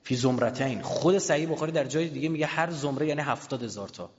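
A male preacher delivering an emotional sermon, rising to loud high cries and dropping to slow, hushed lines. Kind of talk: impassioned religious sermon, storytelling. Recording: reverberant hall, dull lo-fi sound.

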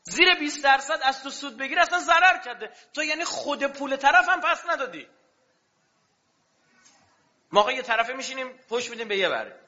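A man's voice: extremely high pitch, animated, pauses often, sharp tone. A man preaching a sermon with passion, throwing rhetorical questions at his audience. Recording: dull lo-fi recording.

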